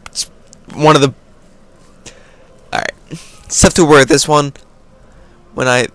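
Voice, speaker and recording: With a fairly high, steady and fairly bright voice, an American host speaks slowly in his casual Q&A vlog. He reads viewers' questions aloud before giving offhand answers, and the recording is dry.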